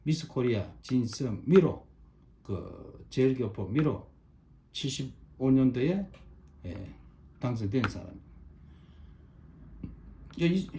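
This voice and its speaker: A man's voice: fairly high pitch, mellow, a little hiss or hum. Emphatic middle-aged man. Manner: repetitive, pointing with short demonstratives, emphatic. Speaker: online commentator. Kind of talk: monologue explaining a chart.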